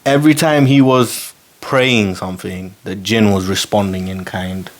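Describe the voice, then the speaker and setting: A man hosts a relaxed podcast conversation. He tells stories with plenty of slang, moving between hushed tones and excited bursts. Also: fairly low pitch, measured pace. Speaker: podcast host. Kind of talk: casual chat.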